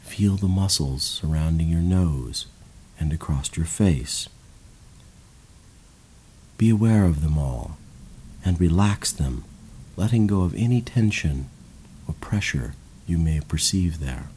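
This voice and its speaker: A man guiding a slow, calm breathing and body relaxation exercise in a soothing voice. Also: low-pitched, breathy edge. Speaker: meditation guide. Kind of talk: guided relaxation narration.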